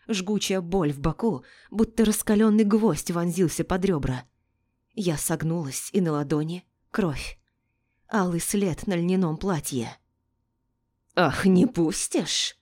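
A woman's voice: fairly low pitch, moderate pace, warm tone. A woman reading a dramatic first-person story as narrator.

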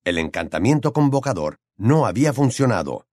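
A man narrates an audiobook with dramatic, expressive delivery. His intonation rises and falls in a lively way at a middle pitch. The recording is dry and close. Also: moderate pace, dry recording.

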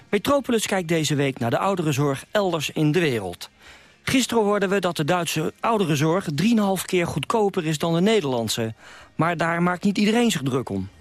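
A male presenter reads his scripted links in a clear, even manner. His voice sits a little high and the sound is dry and close, with no room around it. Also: dry recording. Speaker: radio presenter.

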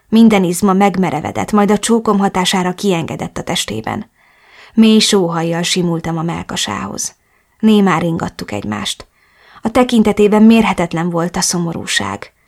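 A woman's voice: mid-range voice, vocal fry. A woman narrating a novel in the first person, reading expressively and with emotion. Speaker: audiobook narrator.

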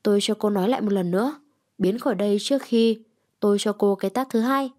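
Woman doing a protective, bossy young man in a storybook reading. Curt delivery, mellow and dark. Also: medium pitch, fast talker, lightly acted.

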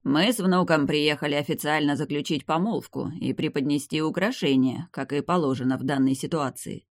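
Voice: medium pitch, no echo, studio quality, lightly acted. Reader voicing oily old rival lord, bowing and scheming, storybook. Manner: obsequious, slow.

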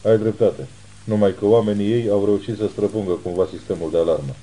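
In an audiobook-style reading, a man voices a steady private detective with a deep, very dark voice, speaking in a low, unhurried, measured way like a calm protector reassuring others. The performance is lightly acted and grave in mood, on a rough recording.

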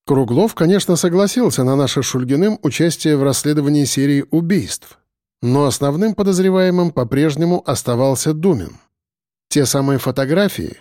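A man reading a first-person detective story aloud in a steady, measured way. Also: a little high, dry recording, clean studio sound. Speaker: audiobook narrator.

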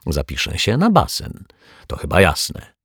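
A man's voice: low voice, wildly swooping pitch, unhurried, fairly bright tone, slightly rough, no room sound, studio quality, heavily acted. A man voicing a dreamy, absent-minded detective in a children's audiobook, puzzled and earnest.

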